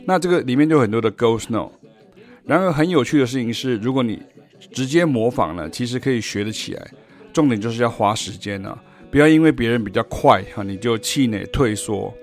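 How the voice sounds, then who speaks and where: A man with a Taiwanese Mandarin accent teaching jazz in a podcast lesson. His voice sits at a middle pitch, and he explains ideas by scatting rhythm syllables. Soft music plays faintly behind him. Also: animated, brisk. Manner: explains through sung rhythm syllables and examples.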